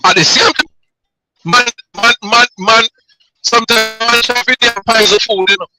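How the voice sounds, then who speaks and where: A male caller on a phone-in show, speaking haltingly and repeating words while his line breaks up with bad reception. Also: extremely high pitch, fairly even intonation, over loud music, rough recording. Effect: call breaking up with bad reception. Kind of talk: phone-in discussion.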